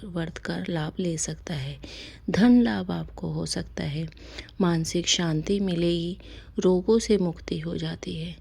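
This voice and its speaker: Female devotional host, low gravelly voice, unhurried soft-spoken instruction with whispered line endings. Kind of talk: devotional instruction on a fasting ritual.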